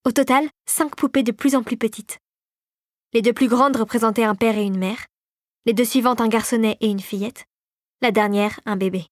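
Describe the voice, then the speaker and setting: A woman reads a fairy tale aloud in a calm, measured way. Her voice is a little high and light. The recording is dry and close, with no room around it. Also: no echo. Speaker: narrator. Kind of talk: audiobook narration.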